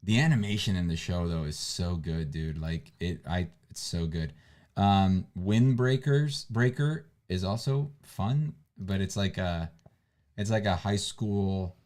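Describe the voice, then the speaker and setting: A man's voice: deep voice, unhurried. A man co-hosting a livestream, chatting casually and rambling with frequent restarts. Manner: relaxed, rambling, restarts a lot. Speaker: livestream co-host. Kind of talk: casual chat.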